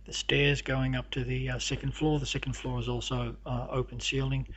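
A man walking through his home with a camera, narrating the rooms in a halting, casual way full of fillers and restarts. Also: medium pitch, level tone, a bit bright, slightly rough. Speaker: homeowner giving a house tour. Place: inside a house, walking room to room.

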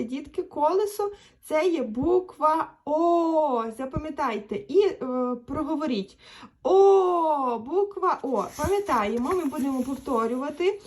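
Young woman with a high voice going over letters with little kids, slow stretched-out vowels, super encouraging. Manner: patient, drawn-out vowel demonstrations for children; gentle, encouraging address to children. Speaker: teacher. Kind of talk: children's alphabet lesson.

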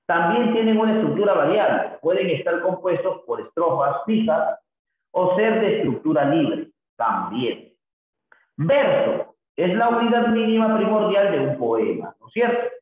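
Teacher on a thin, echoey line. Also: male voice, high-pitched, sing-song, a little slow. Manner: checks in with tag questions, recites verses in a sing-song drawl. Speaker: literature teacher. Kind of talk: classroom lecture. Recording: very echoey, phone-like thin sound.

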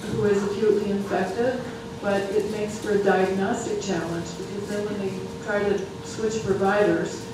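A person presenting data at a public health meeting in a large, very echoey room, picked up from far across the space. The voice stays flat and level, with frequent halts and restarts. Steady background noise sits under it. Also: mid-range voice. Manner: halting, many restarts.

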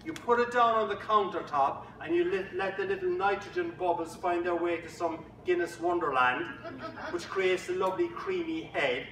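An Irish man gives a jokey, story-filled keynote with playful asides. His voice is high and bright, and it carries from a distance through an echoey conference room. A faint hiss sits underneath. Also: normal speed. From Ireland. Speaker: motivational keynote speaker. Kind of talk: humorous keynote speech.

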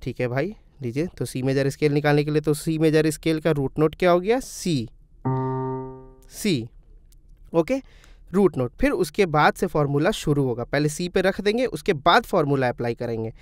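Calling his viewers "brother" in friendly chat, this man works through music theory in a casual screen recording, asking and then answering his own questions step by step. He sounds animated, with a fairly high pitch and normal speed, captured as a dry, clean studio recording.

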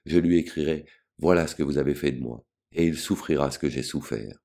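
A man's voice: very deep voice, brisk, gravelly, warm tone. A man voicing a bitter, proud and rebellious young girl in an audiobook, speaking vehemently and with scorn.

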